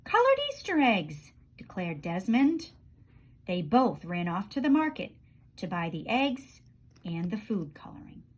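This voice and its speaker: This woman tells a kids' storybook tale in an animated way, her lines fading softly at the ends. Her voice sits on the low side, and she keeps a measured pace.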